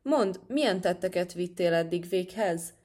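A woman voicing a touchy young male tomcat who flares up quickly. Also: lowish voice, animated, darkish tone. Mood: easy. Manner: quick to anger.

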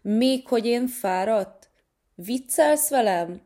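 A woman's voice: on the high side, lively intonation, dark tone, voice pushed up. A woman voicing a proud, hot-tempered male wind spirit in a children's storybook, talking in a blustering, indignant way. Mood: indignant boasting. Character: boastful mighty male wind spirit, proud and quick to anger.

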